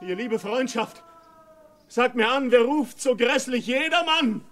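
Einen feiernden Reichen in Versen. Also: male voice, extremely high pitch, expressive, unhurried, a bit bright, heavily acted. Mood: alarmed. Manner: declaiming rhymed verse, grows alarmed. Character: rich reveller turning fearful, male, adult. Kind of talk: 1950s stage drama recording.

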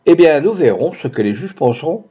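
A man's voice: a little high, very animated, fairly quick, warm tone, husky, voice pushed up. A man voicing an older male doctor, furious and grieving, who breaks into angry, exclamatory outbursts, on a dull lo-fi recording.

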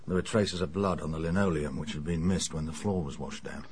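An actor playing a middle-aged English police inspector, dry, sardonic and matter-of-fact in a radio drama. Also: male voice, rumbling low, a little fast, darkish tone, slight background noise. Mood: briskly reporting.

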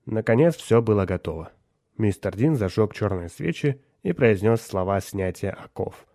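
A man narrating a story in an audiobook with a steady storytelling delivery. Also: lowish voice, moderate pace, no room sound, studio quality.

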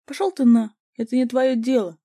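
A woman's voice: a little high, animated, moderate pace, dark tone, no room sound, studio quality, pitched above the performer's own voice. A woman voicing a rude, angry young man who snaps at everyone. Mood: snapping. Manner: snapping, rude.

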